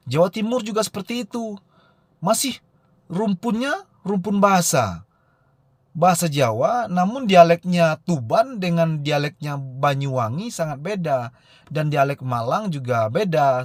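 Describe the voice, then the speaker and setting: A man's voice: high-pitched, dry recording. Man explaining a lesson with many fillers. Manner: frequent "eh" fillers and tag "ya". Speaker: teacher.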